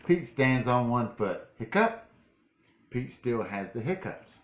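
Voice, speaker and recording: A man's voice: mid-range voice, expressive, a little slow. An older man with a grandpa voice, playfully reading a picture book aloud and chatting as a grandfather does with a young child. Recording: roomy home recording, some noise.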